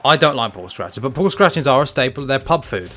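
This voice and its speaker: A man's voice: mid-range voice, expressive, fast, fairly bright tone. A young man from England, chatting casually and ramblingly while streaming a fighting game, with frequent restarts and some mild swearing. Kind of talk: casual chat while gaming.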